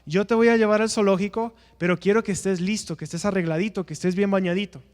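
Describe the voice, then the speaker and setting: A man's voice: high voice, fairly even intonation, fast, a little mellow, long reverb tail, lightly acted. A man voicing a firm, patient father. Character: firm, patient father speaking to his son.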